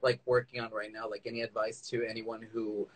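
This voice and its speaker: A man, a drag queen host, conducts a casual chat interview in a gushing, informal manner, speaking briskly with a lowish voice and flat delivery. He's indoors in a small room, recorded on a phone held at arm's length during a video call.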